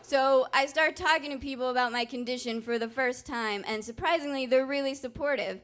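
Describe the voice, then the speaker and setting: A woman's voice: sits high, a little fast, a bit bright. A young woman telling a true story on stage at a live storytelling event, candid, wry and self-mocking.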